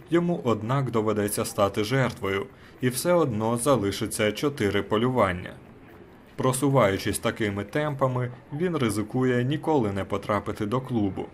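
A man narrating a short story as an audiobook in a steady, measured way. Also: mid-range voice, a little hiss or hum.

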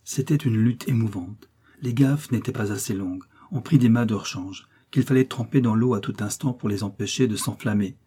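Low, husky male audiobook narrator. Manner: measured, steady storytelling.

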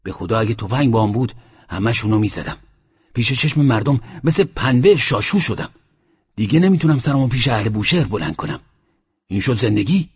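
A man's voice: medium pitch, expressive, husky, muffled recording. A man narrator voicing a proud young Tangestani man, talking in a heated, aggrieved outburst. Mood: bitter.

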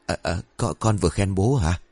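A man's voice: low voice, moderate pace, darkish tone, no echo. A man doing a panicky old father. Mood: stunned. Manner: whimpering, pleading.

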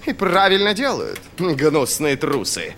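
A man's voice: fairly high pitch, expressive, a little fast, pushed and bright, a little hiss or hum, voice pushed up. A man voicing a jovial, eager-to-please general in an audiobook, hearty and boastful. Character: jovial, fawning male general.

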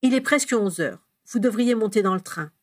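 A woman voicing a calm, firm father who reassures his son, in a dry close recording. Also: on the high side, fairly quick, dry recording.

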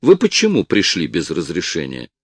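A man's voice: sits low, wildly swooping pitch, normal speed, slightly rough, dry recording, clean studio sound, voice pushed down, heavily acted. A man reading a stern, officious hospital nurse. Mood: interrogating. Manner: curt, interrogating.

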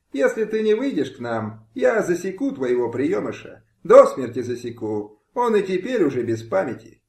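A man reading an audiobook voices a cruel, arrogant nobleman who shouts threats. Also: fairly high pitch. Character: cruel arrogant male Polish nobleman, furious. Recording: roomy home recording.

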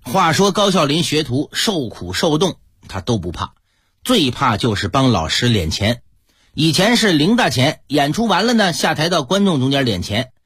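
A man's voice: fairly high pitch, moderate pace, breathy edge, no echo, studio quality. A man hosting a radio comedy show, narrating an old story between clips. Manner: storytelling tone, lively rise and fall. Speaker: radio host.

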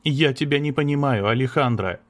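A man's voice: medium pitch, a little fast, pitched above the performer's own voice, natural voice. A man voicing an anxious, lovesick young man who pleads earnestly, in an audiobook. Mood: pleading. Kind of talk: audiobook character reading.

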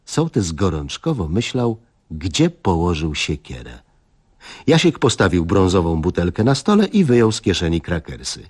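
Male comic reader, husky and lively in pitch, wry deadpan. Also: moderate pace. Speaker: narrator of a comic story. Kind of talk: comic story reading.

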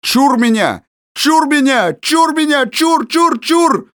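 A man voicing a cowardly, fawning teenage boy who squeals in a shrill voice, in an audiobook. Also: animated, slow, a bit bright, dry recording, studio quality, full character voice. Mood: terrified. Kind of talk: audiobook character voice.

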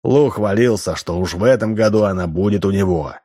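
A man doing a gruff country constable. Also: fairly low pitch, fairly quick, mellow. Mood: weary grumbling. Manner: barking, stern. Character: gruff rural male constable.

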